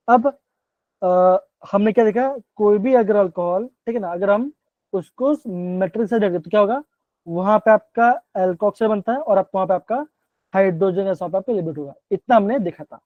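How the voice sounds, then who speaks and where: A man's voice: sits high, dry recording. Male chem teacher on an online class, keeps asking kids to answer, words, muffled dull stream, dry sound. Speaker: chemistry teacher.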